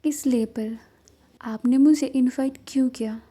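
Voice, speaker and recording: Give me a woman playing a soft-spoken young teacher, calm and restrained, with a mellow voice. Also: high voice, measured pace, slightly rough. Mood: calm, unsure.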